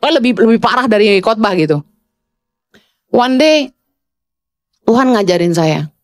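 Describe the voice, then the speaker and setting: Fast-talking woman pastor preaching. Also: lively intonation. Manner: fast, high-pitched preaching that sounds angry; mixes English phrases into her talk. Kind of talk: sermon.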